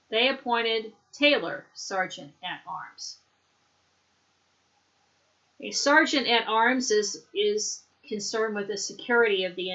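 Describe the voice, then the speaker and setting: A woman teaching English, leading a slow repeat-after-me drill and patiently explaining words and pronunciation. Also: medium pitch, fairly bright tone, highs cut off.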